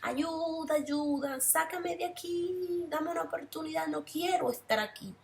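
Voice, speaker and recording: Pleading, wailing burning soul, high-pitched cry, put on by a woman. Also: measured pace, creaky, distant mic, exaggerated voice. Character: desperate burning souls crying for help.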